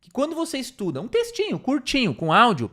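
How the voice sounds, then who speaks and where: A man's voice: extremely high pitch, wildly swooping pitch, quick pace, bright, forceful tone. A man teaching an online English lesson, stressing and repeating key points and checking in with "tá?".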